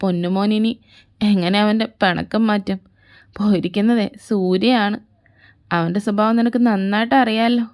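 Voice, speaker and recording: A woman's voice: mid-range voice, fairly even intonation, moderate pace, darkish tone. A woman reading an audio fan fiction story and speaking the characters' lines. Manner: conversational, voices all characters.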